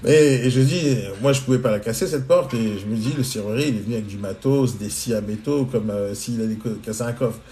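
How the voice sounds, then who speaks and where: A man in his forties telling a casual, animated anecdote, colloquial and speaking straight to the listener, into a phone mic on a live stream. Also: medium pitch, a little fast, few pauses, a little hiss or hum. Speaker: entrepreneur answering questions on a live stream.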